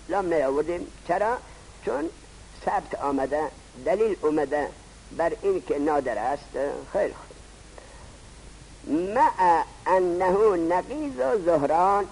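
A man teaching a grammar lesson, posing rhetorical questions and answering them himself in a slow, drawn-out teaching cadence. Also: sits high, a little mellow, a little hiss or hum, low-quality recording. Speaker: seminary teacher. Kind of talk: classroom lecture on Arabic grammar.

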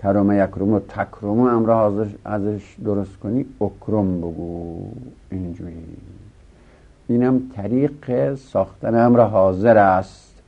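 Male grammar teacher with a lowish voice, patient and repetitive lecture delivery, muffled lo-fi audio. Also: steady tone. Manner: explains step by step, repeats rules, asks and answers own questions. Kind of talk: classroom lecture. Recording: dull lo-fi recording.

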